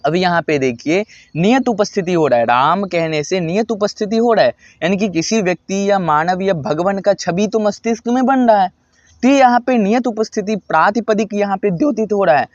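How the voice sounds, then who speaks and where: A man's voice: sits high, moderate pace, dry recording. A man teaching Sanskrit grammar to students, patient and repetitive, often checking in with his listeners. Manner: patient, repeats points, frequent "thik hai" check-ins. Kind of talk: explaining lesson to students. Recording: dull lo-fi dry sound.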